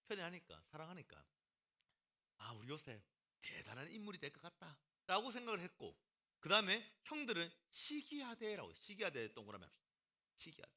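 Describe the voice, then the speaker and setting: Animated, bright-voiced male youth pastor. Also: fairly high pitch. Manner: animated, teasing, acts out quotes and calls on students by name. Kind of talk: lively youth sermon.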